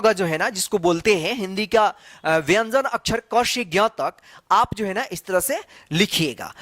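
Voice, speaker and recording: A man with a high-pitched, sharp voice teaches the Hindi alphabet in a slow classroom explanation, recorded without echo. He asks question after question and repeats each sound to demonstrate it.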